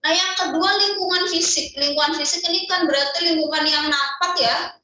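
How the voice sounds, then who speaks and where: A woman's voice: extremely high pitch, fairly even intonation, a little fast, sharp tone, very echoey, distant mic, poor audio. A woman teacher giving an online class lecture, explaining step by step and answering her own questions.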